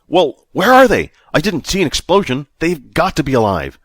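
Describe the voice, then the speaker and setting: A man voicing a desperate male spaceship captain who shouts demands at his crew. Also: lowish voice, animated, fairly quick, dry recording, studio quality. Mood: urgent, shouting.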